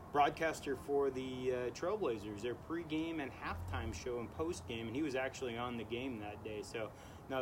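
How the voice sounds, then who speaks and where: Talkative male podcast host, noisy backyard recording. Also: mid-range voice. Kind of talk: casual podcast chat. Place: outdoors in a backyard at night. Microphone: studio microphone on a stand.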